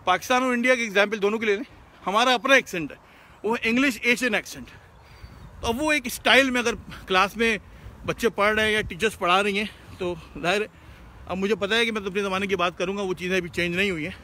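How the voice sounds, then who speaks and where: A fast-talking man with a high, bright, forceful voice hosts a casual live stream, answering viewer questions. His Pakistani Urdu accent comes through as he speaks earnestly yet loosely, mixing in English, while driving outdoors past shops.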